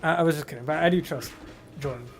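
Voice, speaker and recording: Quick and fairly high-pitched, a young American video host chats with a friend, telling stories. His delivery is casual and rambling, full of slang and repetition.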